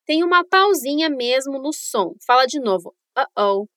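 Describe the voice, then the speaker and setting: Casting High-pitched woman podcast teacher, clear and encouraging, dry close sound. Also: expressive, normal speed, a bit bright, dry recording. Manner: clear, upbeat teacher modeling phrases for repetition. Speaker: English teacher, podcast host. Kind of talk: bilingual language lesson podcast. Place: lives in New Zealand.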